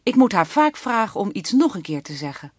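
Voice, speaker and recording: A woman's voice: mid-range voice, very animated, fairly quick, no room sound, clean studio sound. A woman reading an audiobook, voicing a female schoolteacher who speaks politely but curtly at a parents' evening. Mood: matter-of-fact. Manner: polite but curt, matter-of-fact. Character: a brisk, formal female schoolteacher.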